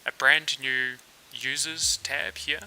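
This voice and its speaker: A man with a New Zealand accent and a medium-pitched, clear, resonant voice hosts a relaxed coding stream, taking his time and filling his thinking-aloud with ums and ahs. Soft music plays behind him on a rough recording.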